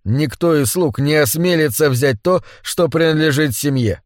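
Brief: man voicing a persistent, hard-nosed young man, slightly high voice, dry close mic. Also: moderate pace, dry recording, lightly acted. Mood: insistent. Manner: blunt, persistent questioning. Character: stubborn, insistent young man. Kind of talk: audiobook character voice.

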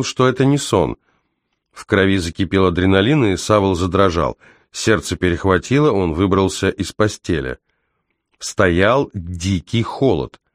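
Man, low voice, audiobook narration, tense and measured, dry close recording. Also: no room sound. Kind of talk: scripted narration.

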